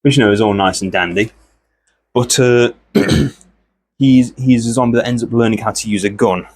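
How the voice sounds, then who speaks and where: An art channel's male host chats casually as he works, drifting from one thought to the next and clearing his throat often. He speaks at a normal speed with a medium pitch.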